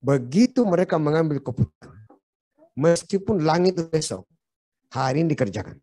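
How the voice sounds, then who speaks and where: A man's voice: on the high side, sing-song, moderate pace, mellow, dry recording. A man giving a seminar lecture in a hotel meeting room. He talks in a chatty, joking way and keeps turning to the audience with "Pak". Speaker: seminar speaker.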